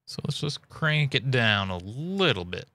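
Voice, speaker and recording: A man's voice: medium pitch, sing-song, unhurried, vocal fry, bright, forceful tone. A man giving casual, chatty commentary as a video host, recorded up close at home.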